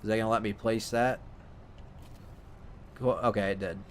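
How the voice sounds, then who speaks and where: A man casually commenting while he plays a video game, thinking out loud and often correcting himself. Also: fairly low pitch, fairly even intonation, normal speed, a little hiss or hum. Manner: rambling, self-correcting, thinking aloud. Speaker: let's play host.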